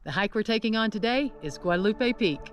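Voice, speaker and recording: A woman's voice: mid-range voice, expressive, a little fast. A woman co-hosting a hiking vlog outdoors, cheerfully giving trail facts while out of breath. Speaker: travel vlogger. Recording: music playing behind.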